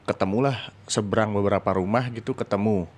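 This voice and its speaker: A man tells a long story in a relaxed podcast chat. His natural voice sits fairly low, yet he keeps it animated, jumping sharply higher whenever he acts out someone else's words. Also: brisk. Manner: animated, acts out quoted voices with sudden high pitch.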